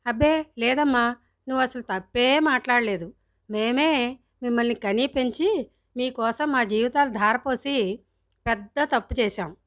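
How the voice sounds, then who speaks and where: A woman reading a storybook, voicing a sharp-tongued middle-aged mother who scolds loudly and sarcastically. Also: fairly high pitch, a little slow, long pauses. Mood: sarcastic.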